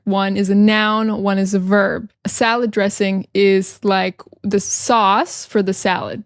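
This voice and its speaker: An American woman teaching English casually, explaining jokes and repeating phrases slowly and then fast. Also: medium pitch, dry recording, studio quality. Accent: General American.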